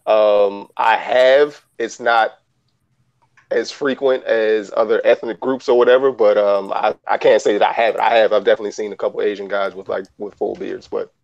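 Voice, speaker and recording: A man's voice: fairly low pitch, fairly even intonation, moderate pace, gravelly, muffled recording. A man in casual live stream chat, reading viewer questions, easygoing and hesitant.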